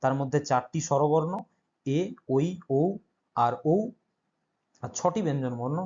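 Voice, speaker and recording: A man's voice: mid-range voice, a little slow, darkish tone, dull audio. A male teacher who explains an exam-prep grammar lesson step by step and keeps checking that his students follow.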